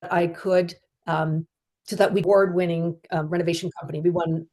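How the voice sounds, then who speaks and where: A woman being interviewed over an unstable video call, her words chopping off and dropping out as the connection breaks. Her voice sits a little low, and she speaks in halting bits that keep restarting. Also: little pitch movement, a little mellow. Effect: choppy, cutting-out audio from an unstable video call. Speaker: interview guest. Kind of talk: casual conversational answers.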